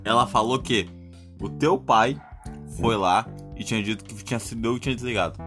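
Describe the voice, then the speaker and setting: A man's voice: medium pitch, brisk, bright, forceful tone, faint music behind. A young man in a casual podcast chat, cutting in to correct his friend's story.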